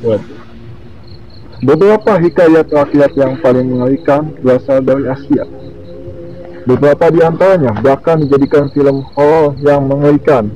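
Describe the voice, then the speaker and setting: A man with a lisp that slurs his r, casually reading horror stories in a halting, informal way with his own asides. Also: medium pitch, warm tone. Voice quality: lisp, slurred r. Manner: informal, halting reader who comments on the story. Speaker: video host. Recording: muffled lo-fi, clearly noisy with insect-like sounds.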